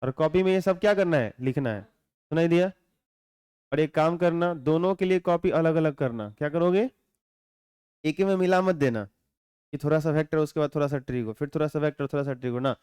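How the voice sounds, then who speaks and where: Calm man teaching in Hindi with Bihari accent. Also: fairly high pitch, clean tone. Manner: calm, unhurried, keeps asking students to answer. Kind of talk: classroom talk to students.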